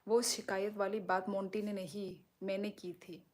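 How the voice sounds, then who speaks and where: Her delivery is flat and measured, with a medium-pitched voice. As host of a live stream, she reads viewers' comments and talks straight to them, reassuring and explaining at great length.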